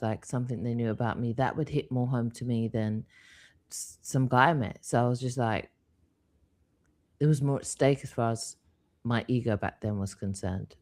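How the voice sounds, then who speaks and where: A man's voice: medium pitch, a little mellow. Man telling a personal story casually. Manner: candid, storytelling with quoted asides. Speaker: co-host. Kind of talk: casual spiritual talk.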